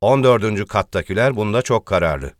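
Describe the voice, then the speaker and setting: Brief: crushed party leader, male, low and dry, halting delivery; a male reader doing the line. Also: animated, no echo, lightly acted. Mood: resigned.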